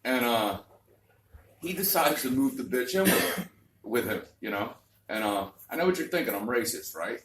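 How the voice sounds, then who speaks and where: Crude stand-up comic, bright lively voice. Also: male voice, medium pitch, normal speed. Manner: crude, vulgar, rambling storytelling. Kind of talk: stand-up comedy set. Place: comedy club stage. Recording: roomy club, distant mic, faint noise.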